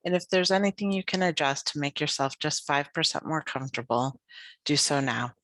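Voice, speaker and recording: A woman's low voice carries a guided yoga nidra meditation; she teaches in gentle, soothing tones, taking her time and pausing at length. The recording is dry.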